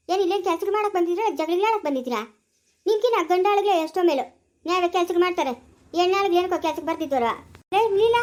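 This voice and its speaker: A woman playing a sharp-tongued village mother and farm owner who scolds workers and coos to her baby. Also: very high voice. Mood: scolding.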